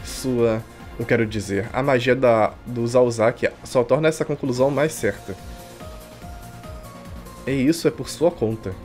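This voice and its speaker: Game music plays behind a Brazilian streamer as he reads a visual novel and adds irreverent slang commentary. His mid-range voice is a little mellow and unhurried.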